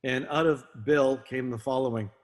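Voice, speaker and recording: A man giving a talk as a guest speaker, telling stories in a halting way with many fillers and restarts. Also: mid-range voice, fairly even intonation. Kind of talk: talk to a naval association, storytelling. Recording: long reverb.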